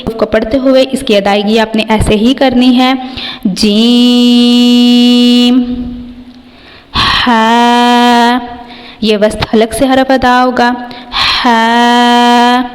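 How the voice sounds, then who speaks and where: A Quran reading teacher with a Pakistani Urdu accent leads a slow, patient tajweed lesson in a fairly high voice. Each letter is drawn out at length before she explains it in a steady, level tone, and a long hall-like reverb hangs on her voice.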